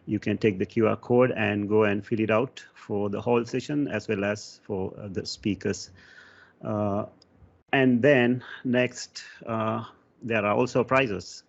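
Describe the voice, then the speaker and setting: A man from Sri Lanka talks through a technical conference session in a lowish, gravelly voice. He stops often and fills the gaps with "uh". The sound is dull and lo-fi. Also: fairly even intonation, measured pace. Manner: hesitant, many fillers. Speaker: conference speaker.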